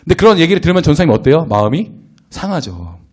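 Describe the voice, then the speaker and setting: Young man, youth pastor, animated sermon delivery with a wide pitch range, acts out quoted voices. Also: quick pace.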